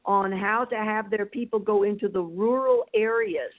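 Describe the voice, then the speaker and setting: A woman's voice: medium pitch, moderate pace. Older woman calling in over the phone. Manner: emphatic and chatty, piles on points. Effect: over the phone, tinny line. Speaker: caller. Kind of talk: casual call-in chat. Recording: tinny phone line.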